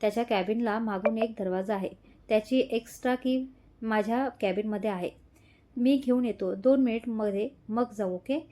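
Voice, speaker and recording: A woman's voice: on the high side, normal speed, mellow, lightly acted. A woman voicing a concerned, loyal young man.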